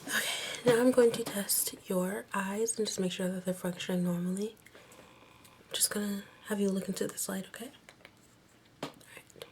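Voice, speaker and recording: A woman whispering softly and gently through a doctor exam roleplay, reassuring and close to the mic. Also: medium pitch, fairly even intonation, moderate pace, long pauses. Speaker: ASMR creator playing a doctor. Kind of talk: ASMR medical exam roleplay. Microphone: close microphone. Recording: noisy close-mic recording with clicks.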